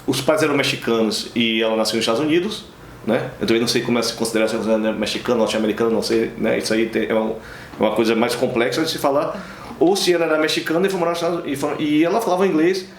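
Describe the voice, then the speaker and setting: A man's voice: medium pitch, steady tone, very fast, echoey room, a little hiss or hum. A man with a Bahian Portuguese accent, an interview guest, rambling through anecdotes with many fillers and restarts. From Brazil, Bahia. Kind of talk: casual interview chat.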